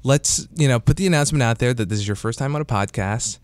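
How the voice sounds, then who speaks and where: A man hosts an investing podcast, talking fast in a medium-pitched voice. His style is casual and conversational, packed with fillers like "you know" and "uh." The recording has no echo.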